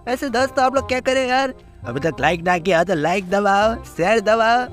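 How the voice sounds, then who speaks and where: A man hosting a gaming channel, chatting in excitable, teasing banter with his viewers. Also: high-pitched, moderate pace, soft background music. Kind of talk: playful gameplay banter.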